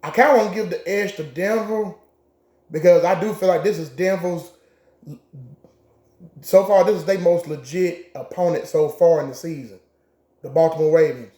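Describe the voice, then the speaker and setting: A man's voice: on the high side, normal speed, pauses often, warm tone. A man co-hosting a casual sports chat, giving blunt picks with profane trash talk. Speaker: co-host making game picks. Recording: echoey room.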